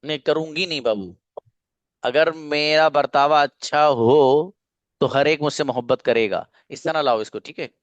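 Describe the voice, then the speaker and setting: A man's voice: a little high, unhurried, dry recording. A man teaching an English grammar lesson to a class, explaining in a playful way and acting out little mock dialogues.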